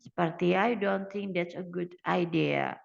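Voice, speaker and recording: Slow, gravelly-voiced young woman teacher. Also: fairly low pitch, fairly even intonation, dull audio. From Indonesia. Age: young adult. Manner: explains patiently, switching between Indonesian and English. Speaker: student teacher. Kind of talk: microteaching English grammar lesson.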